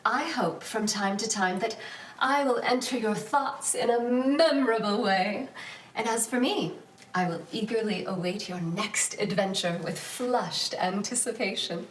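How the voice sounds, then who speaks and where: A woman's voice: medium pitch, unhurried, reverberant, distant mic, a little hiss or hum, natural voice. A woman playing a gracious, flirtatious Victorian stage actress who speaks in a sweet, theatrical way. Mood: gushing. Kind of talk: amateur online musical reading.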